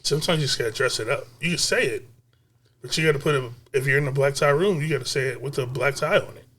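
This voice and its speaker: A man co-hosting a casual podcast debate. He talks in a punchy, animated way, hammering the same point over and over to drive it home. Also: mid-range voice, quick pace. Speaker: podcast co-host.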